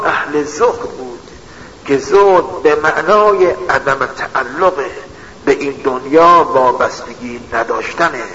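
A man preaching a religious sermon in a measured way, repeating a refrain for emphasis. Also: on the high side, a bit bright, slight background noise. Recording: echoey hall, dull lo-fi sound.

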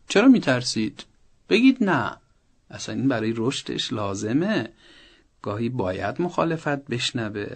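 Earnest man giving parenting advice. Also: mid-range voice. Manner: earnest, emphatic advice with rising insistence. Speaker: parenting expert. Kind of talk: radio advice talk.

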